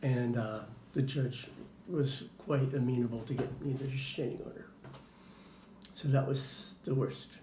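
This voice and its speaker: A man's voice: medium pitch, fairly even intonation, measured pace, warm tone. Man interviewee, hesitant, filler-heavy, roomy recording with faint hiss. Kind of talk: casual interview answers.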